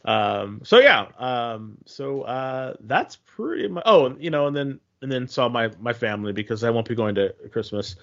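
A man co-hosting a podcast, chatting casually and haltingly, often repeating his phrases. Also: mid-range voice, expressive, vocal fry, a bit bright, lo-fi sound. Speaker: podcast co-host. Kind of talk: casual chat about games and trips.

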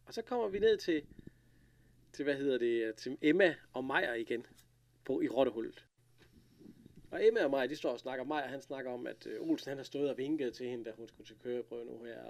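Gravelly man retelling a story. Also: medium pitch. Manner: retells scenes with lively quoted lines and frequent laughs. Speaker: podcast co-host recapping an episode. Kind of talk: casual chat.

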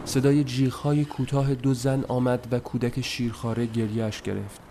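A man reading a story aloud in a soft, measured, somber voice, as scripted narration. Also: medium pitch, level tone. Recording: noisy recording.

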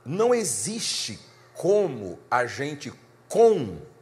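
A middle-aged male pastor preaching a sermon, telling a family story with animated delivery that climbs in pitch when excited. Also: slow, in a large hall.

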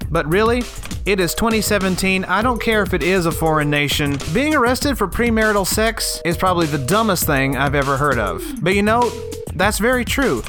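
A man hosting a comedy news segment with conversational commentary. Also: high voice. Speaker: comedy news show host.

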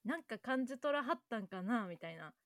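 A woman's voice: a little high, a little fast, dry recording, studio quality. Kansai-accented young woman telling a story. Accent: Kansai Japanese. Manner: animated storytelling, acting out quotes. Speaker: podcast co-host. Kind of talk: casual chat.

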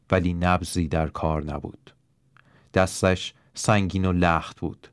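A man reading a first-person story aloud in a measured, steady narration. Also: low-pitched, clean tone, no room sound, clean studio sound. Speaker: audiobook narrator.

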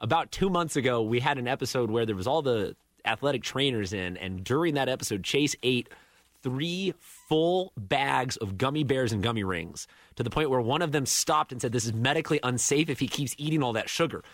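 A man in his twenties co-hosting a casual sports radio show from a studio, teasing the others and breaking into excited high-pitched yelps. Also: brisk, no echo. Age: 20s. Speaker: radio co-host. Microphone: studio microphone.

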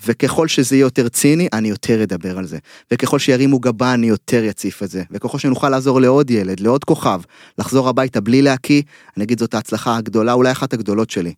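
A middle-aged man with an Israeli accent, a mental coach giving earnest, emphatic motivational talk in an interview, pausing mid-phrase. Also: mid-range voice, darkish tone, no room sound, clean studio sound. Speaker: mental coach, podcast guest.

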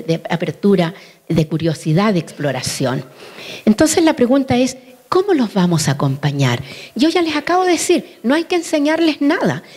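A woman's voice: lowish voice, darkish tone, breathy edge. An older woman giving a talk on early childhood education to an audience, often asking them questions and acting out the voices she quotes.

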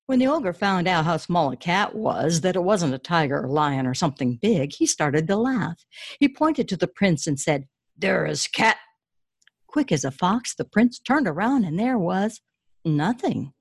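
A woman's voice: fairly low pitch, very animated, normal speed, breathy edge, no room sound, studio quality. A woman author answering interview questions with enthusiasm, often restarting her sentences, then reading her children's story aloud.

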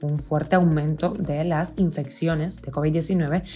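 Female news podcast host, low mellow voice, steady read, faint music bed. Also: measured pace. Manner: steady, clear news delivery. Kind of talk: news reading.

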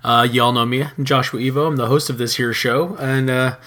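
A man hosting a casual solo podcast, hoarse-voiced, rambling with many fillers and restarts. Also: medium pitch, steady tone, fairly quick, pushed and bright. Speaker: podcast host.

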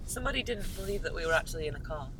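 A woman's voice: on the low side, lively intonation, very fast, noisy background. A woman co-hosting a casual podcast from inside a car, laughing often and teasing her co-hosts. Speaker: podcast co-host, teacher. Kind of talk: casual chat.

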